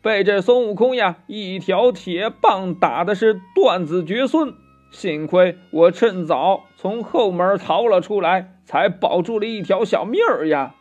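A man's voice: high-pitched, expressive, unhurried, dull audio, faint music behind. A man voicing a nervous small male demon minion in a children's storybook, chattering out a tale. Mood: fearful.

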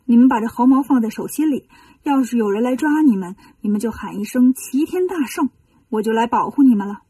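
A woman's voice: on the high side, animated, a little fast, mellow, husky, dry recording, far from the mic. A woman voicing a cheeky, boastful male monkey king hero in a children's storybook reading, in a playful, teasing manner. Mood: teasing, confident.

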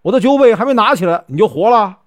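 A man with a Northeastern Chinese accent voicing a proud, quick-tempered Taoist priest who speaks with indignant threats. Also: high-pitched, expressive, no room sound, studio quality, pitched above the performer's own voice.

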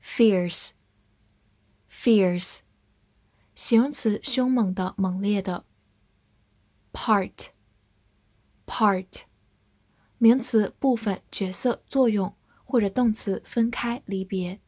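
A woman's voice: medium pitch, very slow, long pauses, a little mellow, dry recording. A woman teacher reading a scripted vocabulary review, saying each English word twice and then its part of speech and meanings.

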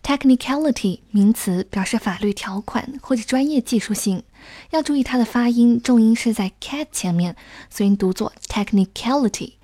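A young woman acting as a tutor, giving an explanatory close-reading lesson and reading English passages aloud slowly and carefully. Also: a little high, dark tone, no echo.

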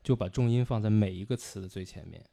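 A man's voice: lowish voice, fast, vocal fry, mellow. A man co-hosting a livestream about classical music, explaining patiently with frequent hesitations.

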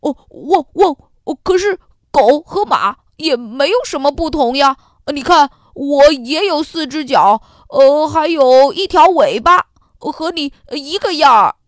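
A woman's voice: sits high, lively intonation, measured pace, no echo, clean studio sound. A woman voicing a small pleading dog in a children's storybook, whiny and yelping. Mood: persuading. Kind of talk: storybook character voice.

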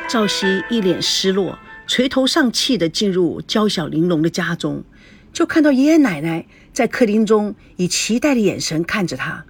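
A woman narrating a serialized audiobook in slow, measured storytelling. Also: mid-range voice, sing-song, faint music behind.

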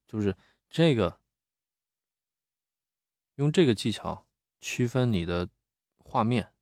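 A man's voice: on the low side, lively intonation, slow pace, darkish tone, dry recording, studio quality. A man giving a live critique of students' reading aloud, talking plainly and repeating words as he searches for the point. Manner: plain-spoken, repeats words while thinking. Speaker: reading coach.

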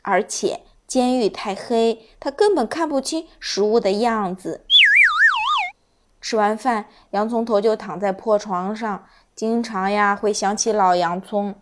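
A woman reading a children's story aloud, slowly and gently, drawing out her words. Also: medium pitch, a little hiss or hum. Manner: slow, gentle, drawn-out.

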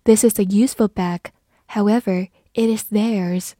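A woman's voice: mid-range voice, steady tone, measured pace, mellow, no echo, studio quality. A woman teaching English vocabulary, saying each word twice and then giving its meanings, in scripted lesson narration.

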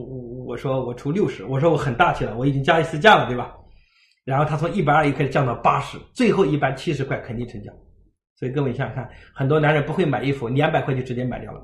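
A man giving a livestream parenting lecture, telling stories in a lively way and acting out the dialogue. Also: mid-range voice, fast talker, echoey room. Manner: lively storytelling, acts out dialogue.

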